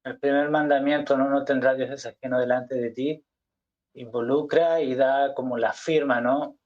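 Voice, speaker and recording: A man's voice: medium pitch, fairly even intonation, moderate pace, highs cut off. A man leading a casual Bible study discussion in an earnest, preachy way, often adding "¿no?". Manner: earnest, preachy, with many "¿no?" tags.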